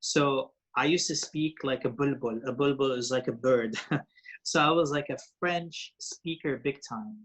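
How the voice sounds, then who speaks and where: A Lebanese-raised man in his forties whose first language is Arabic, a radio presenter and TV host, tells casual stories as an interview guest, rambling with fillers and restarts. His mid-range voice is unhurried, fairly bright, and husky, on a rough recording.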